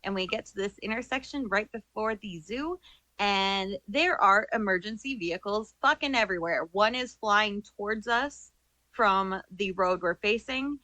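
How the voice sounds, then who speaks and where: A bright, forceful woman's voice in a dry, close recording. She co-hosts with casual storytelling, dropping profanity and bawdy jokes in a deadpan way. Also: medium pitch, moderate pace, no echo, rough recording. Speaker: podcast co-host.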